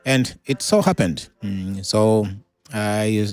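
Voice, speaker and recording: A middle-aged man from Tanzania, a pastor, telling his life story as an interview guest in an unhurried way with many pauses and fillers. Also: on the low side, expressive.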